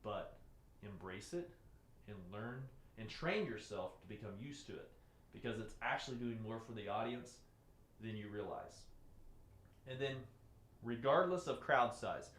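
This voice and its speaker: A man teaching a live-streamed lesson, repeating key phrases and moving between loud excited bursts and soft, low delivery. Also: unhurried, long pauses. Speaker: presenter teaching webinar skills. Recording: roomy echo.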